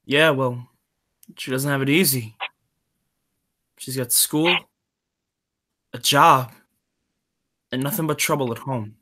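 A bright, reassuring greaser big brother. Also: medium pitch, takes it slowly, long pauses. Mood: confiding. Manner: reassuring, confiding. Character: warm, protective teenage greaser older brother. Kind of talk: school play read remotely.

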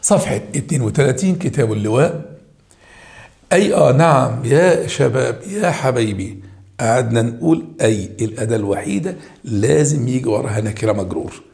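Egyptian male teacher, rapid and emphatic, repeats points, talks straight to his students. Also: mid-range voice, creaky. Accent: Egyptian Arabic. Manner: lively and emphatic, repeats key points, addresses students directly. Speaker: high school Arabic teacher. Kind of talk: walking through grammar homework answers.

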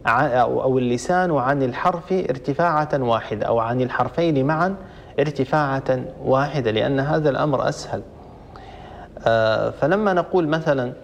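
A man teaching Quran recitation rules, slowly repeating examples and restarting often. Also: mid-range voice, a little hiss or hum. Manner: slow repetition of examples, many restarts. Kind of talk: explaining tajweed rules. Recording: dull lo-fi recording.

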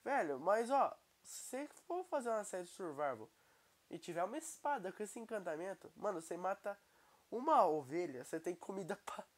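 A young man with a Brazilian Portuguese accent, commenting casually and excitably on his gameplay while he has a cold. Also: high voice, fairly quick. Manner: excitable, exclaiming at the screen. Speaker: gaming YouTuber.

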